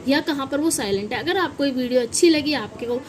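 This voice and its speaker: A woman's voice: sits high, fast talker, a little hiss or hum, poor audio. A woman teaching English pronunciation in a lesson, repeating each word and quizzing her viewers. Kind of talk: classroom-style lesson with repeated examples.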